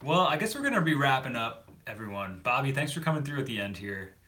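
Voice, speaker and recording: A man's voice: medium pitch, sing-song, quick pace, sharp tone. A man hosting a casual chat, easygoing and slangy, full of fillers. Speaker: host.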